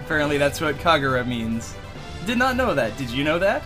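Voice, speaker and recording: A man's voice: on the high side, very animated, brisk. A man co-hosting a music podcast with a stuffed-up nose, joking through casual chat. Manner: joking, playful banter. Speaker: podcast co-host.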